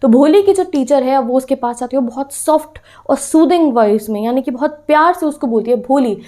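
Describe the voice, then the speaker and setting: High, warm-voiced woman explaining a lesson. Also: a little fast. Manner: explains patiently, mixes English phrases, checks in with "theek hai". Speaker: English teacher. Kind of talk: chapter explanation for students.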